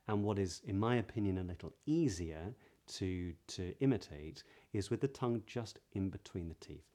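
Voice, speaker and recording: A British man giving a pronunciation lesson as a voice coach, explaining in a measured way and stressing key words. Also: on the low side, warm tone. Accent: British English. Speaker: voice coach, video host.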